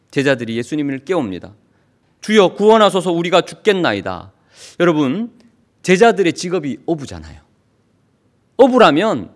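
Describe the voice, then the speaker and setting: A male pastor preaching a sermon, asking the congregation questions and acting out the disciples' pleas. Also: fairly high pitch.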